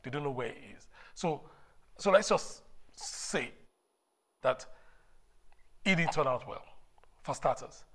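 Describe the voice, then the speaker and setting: A woman's voice: a bass voice, expressive, slow, pauses often. Fervent woman preacher, emphatic and repetitive. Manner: rhetorical questions answered by the preacher.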